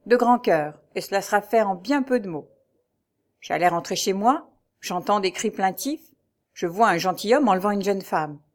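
A woman voicing a haunted middle-aged nobleman who speaks in a sombre, halting way, in an audiobook reading. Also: medium pitch, lively intonation, natural voice. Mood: grave.

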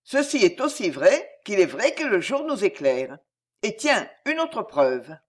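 A woman's voice: sing-song, measured pace. A woman voicing a fiercely jealous, passionate noblewoman who speaks intensely, coldly and with menace. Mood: menacing. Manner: intense, low and cold, menacing.

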